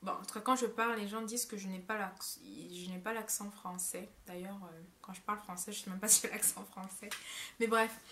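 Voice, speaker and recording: A woman's voice: medium pitch, steady tone, brisk, fairly bright tone. A young woman talking to her vlog audience as an au pair, rambling with many hesitations and self-corrections. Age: young adult. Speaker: au pair vlogger. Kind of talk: casual vlog monologue.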